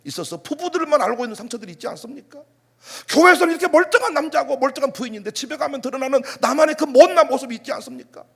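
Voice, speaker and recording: A middle-aged man preaching a sermon as pastor, animated, firing off rhetorical questions and sudden outbursts. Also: very high-pitched, very fast, gravelly.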